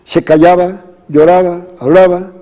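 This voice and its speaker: Male priest, fairly high mellow voice, earnest slow-paced storytelling. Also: little pitch movement. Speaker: Jesuit priest. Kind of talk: spiritual talk with storytelling.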